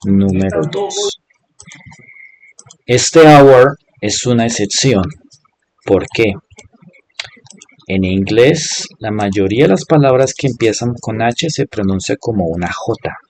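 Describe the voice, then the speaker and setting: A man teaching English in Spanish, walking through each example with patient repetition. He speaks slowly and deliberately, in a fairly low voice. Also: lively intonation, darkish tone, no room sound. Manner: patient, explains step by step and repeats examples. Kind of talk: online class instruction.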